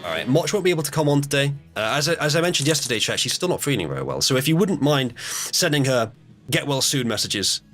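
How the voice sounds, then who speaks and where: Male streamer, lively pitch, chatty, stumbling restarts, faint music behind. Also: quick pace. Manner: chatty, full of fillers and restarts. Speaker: streamer hosting an AI battle game. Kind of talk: casual live-stream chat and reading game turns.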